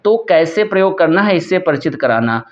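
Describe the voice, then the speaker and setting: Guy teaching exam prep, higher voice, goes step by step and answers his own questions, dull lo-fi sound. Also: expressive, moderate pace. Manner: explains step by step, repeats questions, asks and answers himself. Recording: dull lo-fi recording.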